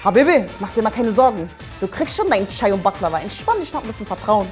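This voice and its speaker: A woman voicing a calm, pious alter ego of herself who soothes her rival self with sweet reassurance. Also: mid-range voice, fast, faint music behind, close to an everyday voice. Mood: soothing.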